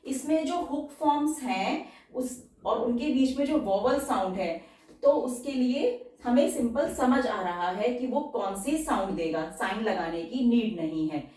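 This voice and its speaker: A woman teaching a shorthand lesson, going step by step and repeating each example word slowly. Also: fairly high pitch, animated, warm tone. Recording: very echoey room, voice from far off.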